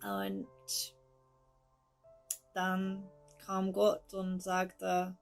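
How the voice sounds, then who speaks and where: A woman in her twenties from England, with an English accent and English as her first language, giving a personal testimony in slow, halting, careful speech. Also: fairly low pitch, sing-song, soft background music. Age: 20s. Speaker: testimony speaker.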